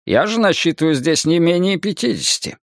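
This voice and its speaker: A man voicing a calm, polite spaceship computer in an audiobook, speaking in precise, formal phrases. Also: a little high, a little fast, gravelly, dry recording, studio quality, pitched above the performer's own voice. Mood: politely objecting. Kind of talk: audiobook character reading.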